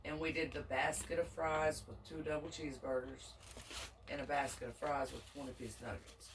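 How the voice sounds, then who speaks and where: A woman with a Southern US accent chatting casually with her husband while eating on camera, folksy and quick to laugh. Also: deep voice, flat delivery, far from the mic, background noise. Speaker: vlogger, mukbang co-host.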